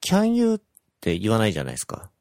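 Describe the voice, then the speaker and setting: A man's voice: on the low side, huge pitch swings, fast, vocal fry, a little mellow. A man in casual talk who asks curious questions. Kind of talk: casual chat.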